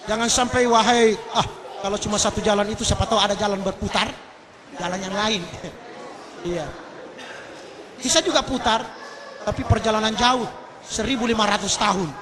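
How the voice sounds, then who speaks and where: A man preaching a sermon at a large gathering, fervent, swinging between loud outbursts and low murmured exclamations, with chanted Arabic verses. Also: normal speed, long pauses, noisy background. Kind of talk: sermon at a mass religious gathering. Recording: crowd audible behind the voice.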